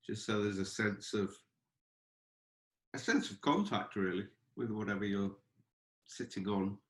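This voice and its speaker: In a spacious, reverberant room, a man with a rather deep voice leads a meditation. His teacherly manner is soft and unhurried, and he explores ideas in phrases separated by pauses.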